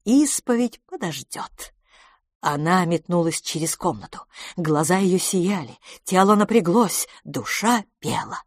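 A woman narrating an audiobook in a brisk, expressive reading style. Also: fairly low pitch, dry recording, studio quality. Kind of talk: scripted narration.

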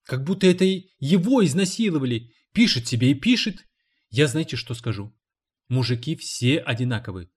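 A loud, scolding cleaning lady who shrieks her outrage and keeps exclaiming to the heavens, as a male reader puts her on. She sounds raised and shrill, voiced with plenty of force in a storybook reading. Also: animated, normal speed, husky. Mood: indignant. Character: loud indignant woman office cleaner.

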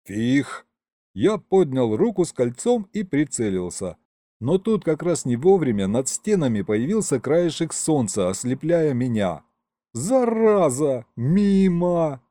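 A man's voice: mid-range voice, normal speed, no room sound. A man narrating an adventure audiobook in the first person. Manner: lively storytelling, first person. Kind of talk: scripted narration.

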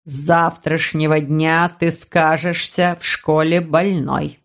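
A woman's voice: deep voice, flat delivery, slow pace. Woman doing a sneering, domineering uncle. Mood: sarcastic. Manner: mocking, hissing. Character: sarcastic domineering man, the stern uncle.

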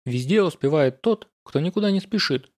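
Older male scholar, calm, teasing, unhurried, gentle, fantasy audiobook, read by the narrator. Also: a little high.

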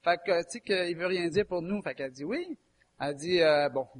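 A man's voice: sits high, moderate pace, noisy background. A man with a Québécois French accent preaching a chatty, folksy sermon and quizzing his listeners. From Quebec. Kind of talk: conversational sermon.

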